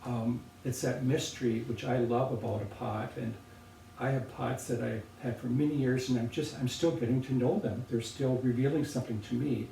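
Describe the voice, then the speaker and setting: Older male potter, thoughtful and unhurried; gravelly, captured from across a roomy space. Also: mid-range voice, warm tone. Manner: thoughtful, unhurried, with pauses and restarts. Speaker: potter presenting objects. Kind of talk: relaxed reflective conversation. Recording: roomy, distant from the mic, faint noise.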